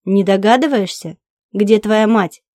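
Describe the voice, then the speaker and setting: A woman voicing a cold, cruel male alien interrogator who speaks slowly and evenly, reading an audiobook. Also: mid-range voice, dark tone, no room sound, studio quality, natural voice. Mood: menacing. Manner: slow, level, menacing delivery. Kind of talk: audiobook character voice.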